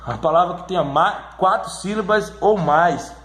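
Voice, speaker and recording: A man teaching a grammar lesson, repeating words slowly and checking in often with his listeners. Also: high voice, a bit bright. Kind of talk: classroom lesson on syllables. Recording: echoey room.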